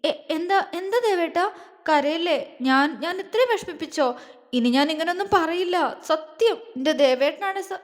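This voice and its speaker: A woman's voice: very high voice, lively intonation, voice pushed up. A woman voicing a tearful, insecure young wife who stammers through her words, with a long hall reverb. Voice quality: halting, stammering speech. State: crying.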